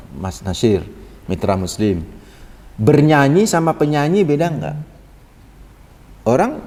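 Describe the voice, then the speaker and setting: Animated preacher in a hall. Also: male voice, on the high side. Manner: animated, acts out short dialogues with laughter. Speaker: Islamic preacher. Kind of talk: religious study lecture. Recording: long reverb of a hall.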